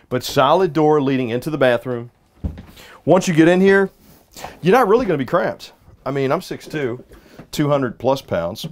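A man in his forties talks through a casual walkthrough tour with jokey, upbeat salesman patter. His voice sits at an ordinary middle pitch. He is recorded close up inside a small travel trailer. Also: a little hiss or hum. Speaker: RV reviewer.

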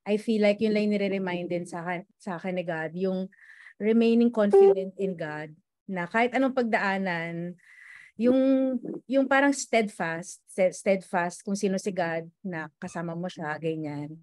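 A woman's voice: mid-range voice, normal speed, darkish tone, no echo. Earnest Filipino woman sharing a testimony. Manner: earnest, mixing in English, with restarts. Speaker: prayer group member. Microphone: video call.

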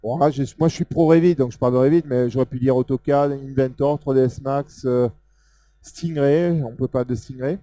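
A man with a Southern French accent giving a casual live software demo, talking loosely with many fillers as he points things out on screen. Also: medium pitch, fairly even intonation, moderate pace, dry recording. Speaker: software presenter. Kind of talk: live technical demo talk.

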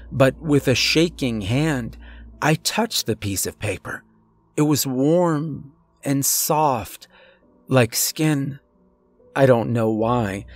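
Man narrating a horror story. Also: mid-range voice. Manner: steady, measured storytelling with tense pauses. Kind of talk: scripted first-person horror narration. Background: faint eerie music.

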